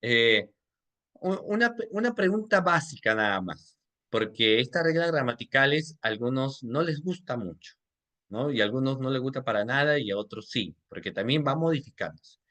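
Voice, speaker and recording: A man's voice: medium pitch, expressive, normal speed, bright, forceful tone. A man teaching an online class on legal writing, who quizzes his listeners, repeats his questions and addresses them as doctors. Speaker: law instructor.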